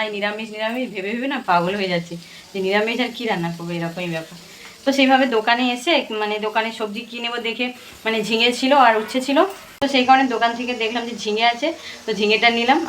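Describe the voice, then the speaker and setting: A woman's voice: mid-range voice, fairly bright tone, slight background noise, low-quality recording. A woman in her thirties from Bengal, chatting casually and rambling with many fillers as a vlogger in her home kitchen. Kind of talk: casual home vlog chat.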